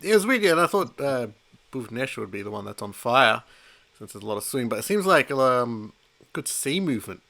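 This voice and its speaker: A man's voice: mid-range voice, big pitch swings, fairly quick, gravelly, sharp tone. A man co-hosting a live cricket stream, giving casual commentary with frequent laughs and hesitant fillers.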